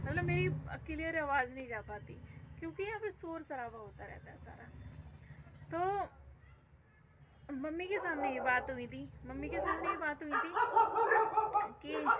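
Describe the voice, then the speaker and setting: A high-pitched woman talks through a long family grievance, rambling and aggrieved. Her voice runs over a steady din of shop and street noise in a small store. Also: dull audio. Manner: chatty, rambling, aggrieved retelling of a family quarrel. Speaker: vlogger. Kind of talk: casual storytelling vlog. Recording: noisy background from a busy shop.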